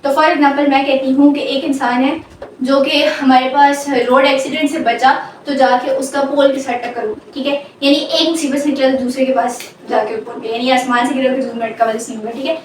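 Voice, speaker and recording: Woman teacher, high voice, slow word-by-word dictation, heard from a distance. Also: steady tone. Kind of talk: grammar lecture. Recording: echoey room, voice from far off, faint background hum.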